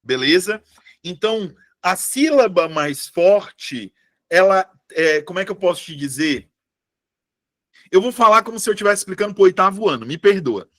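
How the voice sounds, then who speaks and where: A man's voice: high-pitched, expressive, normal speed, fairly bright tone. A male teacher, giving a casual live online class and checking in with his students all the time. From Brazil. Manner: chatty, asks students constant checking questions. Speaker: Portuguese teacher for civil service exam prep.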